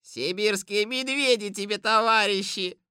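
A man voicing a boisterous crowd of campers, calling out drawn-out shouted replies. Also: sits high, clean tone, dry recording, clean studio sound, voice pushed up. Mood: rowdy. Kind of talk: audiobook character voice.

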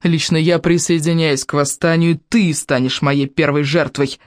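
A man doing a huge saber-toothed dragon, slow and menacing. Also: a little high, steady tone, no echo, clean studio sound, natural voice. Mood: enraged. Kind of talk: audiobook character voice.

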